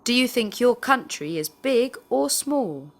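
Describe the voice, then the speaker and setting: Playing the role of a language teacher, a woman reads aloud a scripted question drill with careful phrasing. Her voice is a little high, expressive and a little slow.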